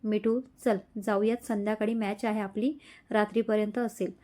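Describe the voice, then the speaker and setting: A woman's voice: medium pitch, little pitch movement, normal speed, warm tone, natural voice. A woman voicing a fussing young best friend. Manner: scolding, fussing.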